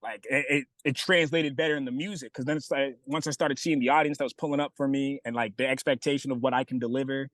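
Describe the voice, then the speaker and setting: A man from Boston, a rapper, talking casually in an interview from a bus stop, slangy and relaxed, saying "bro" a lot. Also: medium pitch, fast, few pauses, dry recording. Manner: laid-back slangy talk, says "bro" a lot. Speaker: rapper guest.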